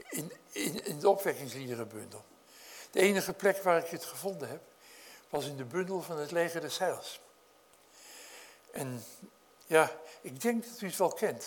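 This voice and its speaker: Earnest preacher, high voice. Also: male voice, husky. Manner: earnest, rises in pitch and volume when storytelling, drops low for reflection; addresses congregation directly with questions. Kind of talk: sermon.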